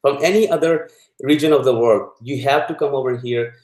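A man from Pakistan, a guest in a political interview, speaking haltingly with many fillers and growing indignant. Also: mid-range voice, a little mellow, roomy sound, poor audio.

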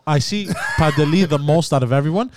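A man's voice: a little high, fast, a little mellow. A man chatting casually as a podcast co-host, with teasing, sweary banter. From Quebec, Canada. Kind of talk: casual chat. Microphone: podcast mic with headphones.

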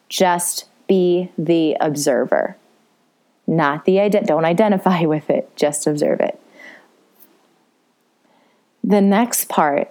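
A woman coaching in a gentle, reflective self-help talk, slowing down to stress key points. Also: fairly low pitch.

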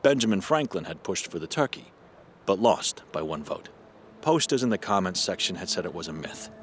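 Male narrator, scripted fiction read, deep and steady, faint background hiss. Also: moderate pace.

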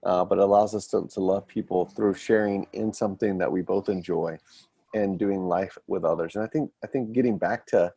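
A man hosting a faith-based podcast interview, affirming his guest and speaking in halting restarts. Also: deep voice, fairly even intonation, warm tone, breathy edge, no room sound. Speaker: podcast host. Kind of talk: casual interview chat.

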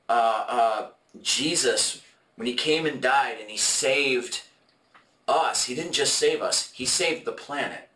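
A man co-hosting a podcast, leading a conversational Bible study in a halting, explanatory way with many fillers and restarts. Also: mid-range voice, sharp tone. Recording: echoey room, mic at a distance.

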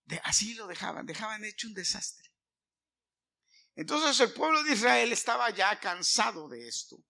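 A male pastor preaching a sermon to his congregation. He asks the listeners questions and swings from loud emphatic lines to quiet asides. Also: sits high, big pitch swings, normal speed, creaky. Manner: asks the congregation questions, sings snatches of a hymn.

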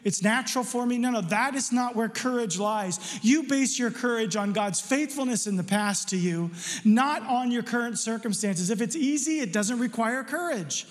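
A man's voice: very high-pitched, lively intonation, moderate pace, in a large hall. A male pastor preaching a sermon emphatically, asking the listeners rhetorical questions.

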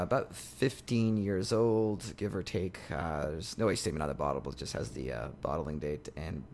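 In a lowish voice, with slight background noise behind him, a male podcast co-host chats casually, rambling along through lots of fillers and restarts.

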